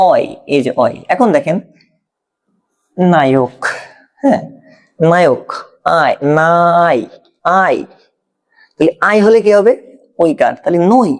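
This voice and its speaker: A man's voice: fairly high pitch, darkish tone. Bangladeshi man teaching, step by step. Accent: Bangladeshi Bengali. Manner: explains step by step, often checks "ঠিক আছে?". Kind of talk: exam-prep grammar lesson.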